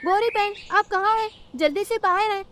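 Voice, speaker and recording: A woman's voice: very high voice, moderate pace, a bit bright, slight background noise, pitched above the performer's own voice. A woman voicing a kind, earnest mother sparrow in a cartoon who speaks in a pleading way.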